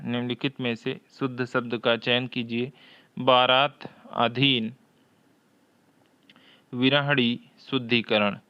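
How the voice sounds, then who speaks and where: Male Hindi teacher, unhurried lecture delivery, crisp tone, dry slightly muffled recording. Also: mid-range voice, little pitch movement, pushed and bright, no room sound. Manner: slow, deliberate, repeats each question aloud. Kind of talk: exam-prep lecture.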